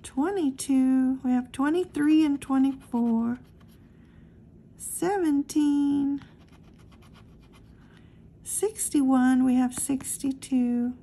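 A woman's voice: sits high, dark tone. A woman casually calling out the numbers one by one as she scratches lottery tickets at a table. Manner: slow, calls out numbers one by one.

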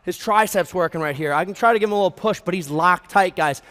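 A man's voice: sits high, fast talker, fairly bright tone. An American man in his twenties coaching a group workout in a hyped, motivational gym-bro manner, giving cues and countdowns while exerting himself. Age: 20s. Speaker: fitness instructor leading a group workout. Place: large brick warehouse gym, indoors. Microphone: headset. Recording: reverberant large hall.

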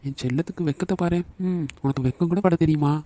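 A fond, teasing middle-aged cartoon father, as a woman puts him on. His voice is pitched down and mellow, and he talks at a fast clip. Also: natural voice. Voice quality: low mellow put-on male voice.

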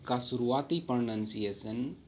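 Male tutor, unhurried explainer, patient, repeats key words, faint hiss behind. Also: mid-range voice. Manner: patient, repeats words slowly with many fillers. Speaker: English grammar teacher. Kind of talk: slow explanatory lesson.

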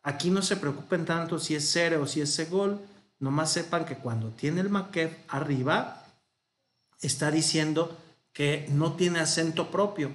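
A man's voice: a little high, fairly bright tone, reverberant. A man with a Mexican Spanish accent teaching a Hebrew grammar class, explaining patiently and correcting himself as he goes. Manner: patient, thinks aloud, corrects himself mid-sentence.

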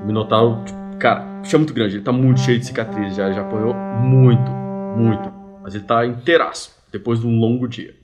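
A man in his thirties with a Brazilian accent, casually narrating a tabletop game as game master in an animated, colloquial way. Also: medium pitch, quick pace. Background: background music.

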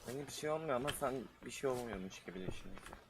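A man's voice: medium pitch, expressive, very fast. A young man chatting with a friend as she plays, teasing her about her scares. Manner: teasing, dry. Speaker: gaming friend. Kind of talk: casual chat on voice call. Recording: noisy voice-call audio.

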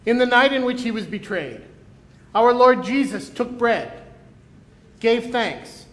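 A man leading a communion liturgy as pastor, reciting in a measured, solemn way, his voice carrying a cathedral echo. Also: very high-pitched, animated, a bit bright. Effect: cathedral echo, long reverb. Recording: long reverberant sanctuary echo.

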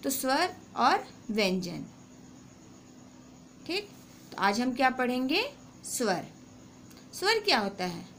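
A woman's voice: sits high, big pitch swings, slow pace, long pauses, fairly bright tone, slight background noise. A woman school teacher giving a grammar lesson, explaining patiently and asking her pupils questions as she goes.

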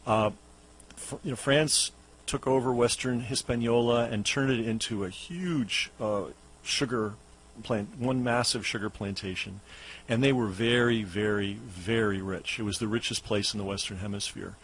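A hoarse man who is losing his voice, a radio guest telling music history in a loose, explanatory way with many fillers. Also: fairly low pitch, fairly even intonation, normal speed, a bit bright, slight background noise, rough recording. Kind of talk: casual radio history talk. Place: radio studio.

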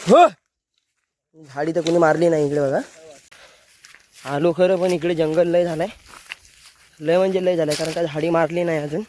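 A man's voice: a little high, fairly even intonation, normal speed, long pauses, dark tone, slight background noise. A man chatting casually to his viewers as he walks through a forest and along a river. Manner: chatty, repeats himself, addresses viewers as friends. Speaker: vlogger. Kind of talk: casual outdoor vlog narration. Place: forest and riverside outdoors at dusk.

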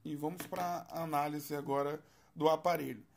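A man casually reviewing a smartphone for his vlog, talking in a chatty, halting way with frequent tag questions. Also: a little high, steady tone, gravelly, a little mellow, slight background noise. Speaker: tech reviewer.

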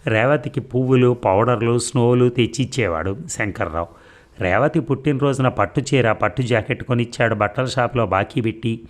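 A man narrating an audio story in a steady, measured reading. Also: medium pitch.

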